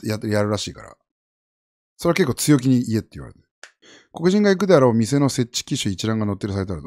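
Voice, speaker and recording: A Japanese man streams and chats casually with his viewers, rambling and hopping from one topic to the next. He sounds animated, his pitch leaping between high and low.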